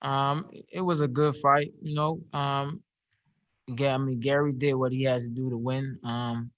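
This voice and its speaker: A young Barbadian man answering reporters over a video call, his speech flat and even in pitch. He hesitates and repeats words as he works out each answer. The audio is dry and a little dull, like a home setup. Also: dry recording. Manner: halting, repeats words as he searches for them. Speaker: professional boxer. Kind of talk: press call interview answers.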